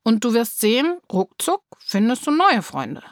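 A woman voicing a patient, loving father who reasons with his daughter in a gently firm, coaxing way, in a storybook reading. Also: a little high, big pitch swings, a little slow, dry recording, studio quality.

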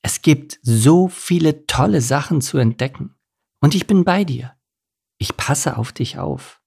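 A man voicing a caring father duck who talks to his ducklings slowly and patiently in a storybook reading. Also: on the high side, vocal fry, breathy edge, voice pushed up, heavily acted. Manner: calm, slow and reassuring.

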